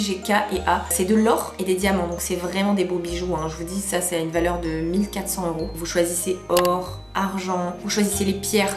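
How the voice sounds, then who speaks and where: A woman's voice: on the low side, reverberant. A woman in her thirties with a Northern French ch'ti accent, chatting casually and self-mockingly to her vlog audience. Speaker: vlogger. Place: outdoors in the sun, then indoors.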